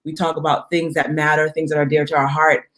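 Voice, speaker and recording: A woman's voice: low-pitched, flat delivery, fast talker. A woman hosting a church videocast, talking in an upbeat, casual way and laughing easily with her guest. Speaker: videocast host. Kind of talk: casual interview chat.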